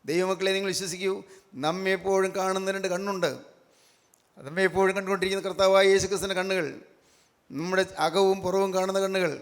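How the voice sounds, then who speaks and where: A man's voice: sits high, level tone, fast talker, big-room sound. A man with a Malayali accent preaching a sermon, repeating his points with emphasis and breaking into praise. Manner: repetitive, emphatic preaching with frequent praise phrases.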